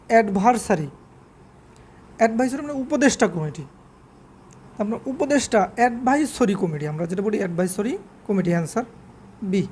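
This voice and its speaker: Mellow-voiced woman teaching spelling. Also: medium pitch, a little hiss or hum. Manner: spells words out slowly letter by letter and repeats them. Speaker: English vocabulary teacher. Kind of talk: spelling quiz lesson.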